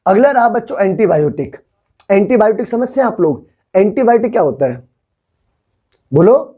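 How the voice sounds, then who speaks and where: A man's voice: high voice, big pitch swings, moderate pace, mellow, breathy edge. A young man teaching a vocabulary class, repeating words and coaxing his students to say them back. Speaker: English teacher.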